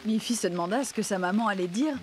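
A woman narrating a children's storybook cartoon in a gentle sing-song reading. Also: medium pitch, fast talker, over music.

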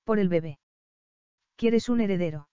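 A woman voicing a wary, heartsick young pregnant bride, soft and hesitant. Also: mid-range voice, moderate pace, clean tone, dry recording, highs cut off, close to an everyday voice. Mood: troubled.

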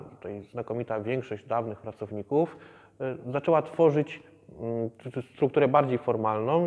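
A man in his thirties, a museum educator, explaining the exhibition in a measured way with many hesitations. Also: medium pitch, a little mellow, long reverb tail, lo-fi sound. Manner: measured, with frequent hesitation fillers. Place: museum exhibition hall, indoors.

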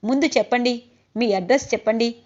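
A woman's voice: fairly high pitch, fairly quick, lightly acted. A woman reading the lines of a kind young male auto driver, polite and reassuring. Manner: reassuring, polite, calls her madam. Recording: slightly dull lo-fi audio.

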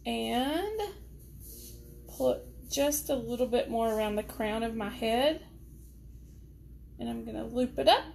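A woman's voice: a little high, slight background noise. A middle-aged woman, chatting casually and laughing often while she curls her hair in her home office. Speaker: hair tutorial vlogger. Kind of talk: casual live chat while styling hair.

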